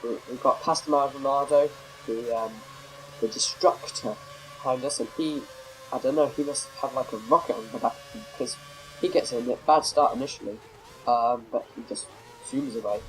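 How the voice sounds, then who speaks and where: Nasal from a cold, a man rambles casually through commentary on his racing game, correcting himself and leaning on lots of fillers. His voice is mid-range at a moderate pace, and the poor audio carries a little hiss or hum.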